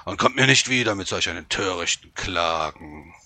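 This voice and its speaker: A man's voice: sits low, expressive, moderate pace, pushed and bright, exaggerated voice. A man doing a grumbling bear king. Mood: dismissive. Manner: gruff, dismissive grumble.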